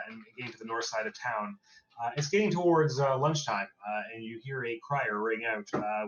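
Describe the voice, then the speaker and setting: A man's voice: medium pitch, fairly bright tone, muffled recording. A man narrating a tabletop horror game as game master, rambling with many fillers.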